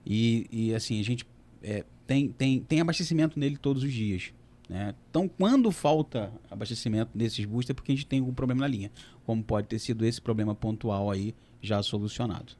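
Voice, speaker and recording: A man representing a water utility, answering audience questions on a panel in a halting way, with many fillers and restarts. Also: mid-range voice, a little mellow.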